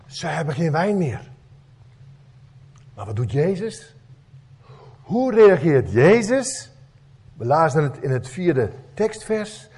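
A man preaches a sermon at a slow, deliberate pace, his fairly high voice swinging widely in pitch. His tone is a little husky. He tells the story through dramatic rhetorical questions. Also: a little mellow. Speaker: pastor.

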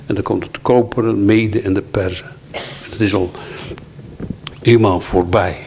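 A man's voice: on the low side, fairly even intonation, normal speed, gravelly, a little mellow, slight background noise. A man preaching a sermon, earnest, quoting scripture and hymn verses and telling a pastoral story. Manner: earnest, quotes scripture and hymns.

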